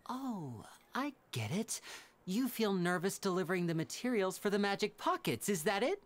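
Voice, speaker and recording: A smooth young stage magician. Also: male voice, sits high, very animated, normal speed. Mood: teasing. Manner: gentle, playful and polished. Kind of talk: game voice acting.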